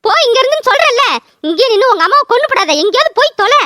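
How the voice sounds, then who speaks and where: A woman's voice: very high-pitched, animated, brisk, fairly bright tone, soft background music. A woman voicing a distraught, fiercely protective young village wife, wailing and scolding. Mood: furious. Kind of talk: cartoon voice acting.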